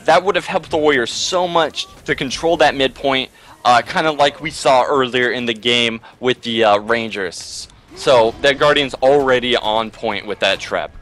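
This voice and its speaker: An esports co-caster and interviewer speaks with a medium-pitched, slightly bright voice at normal speed. Co-hosting a game broadcast, he's upbeat, laughs a lot, and keeps saying "absolutely" while chatting and giving color commentary.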